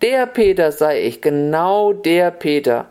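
A storyteller doing a sly fox with a high Upper Hessian voice. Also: big pitch swings, slow, darkish tone, clean tone. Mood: insistent. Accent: Upper Hessian dialect. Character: sly fox posing as a grandson.

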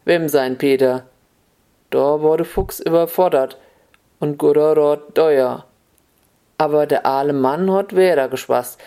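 A storyteller telling a fable in broad Upper Hessian dialect, with a mid-pitched voice. Key words get stretched out slowly for effect, in an unhurried reading. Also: warm tone, smooth.

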